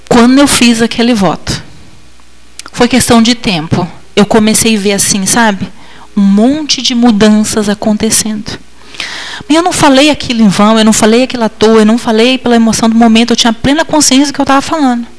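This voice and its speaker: High-voiced woman preaching testimony. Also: fairly bright tone, low-quality recording. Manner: emotional, dramatic swings in pitch and volume, acts out her own past replies. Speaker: missionary preacher. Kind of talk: testimony sermon.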